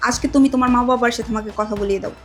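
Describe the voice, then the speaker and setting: An actress playing a suspicious, hot-tempered young wife who demands and scolds in a TV family drama. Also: female voice, fairly high pitch, steady tone, racing, soft background music, close to an everyday voice. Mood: furious. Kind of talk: Bangla TV drama acting.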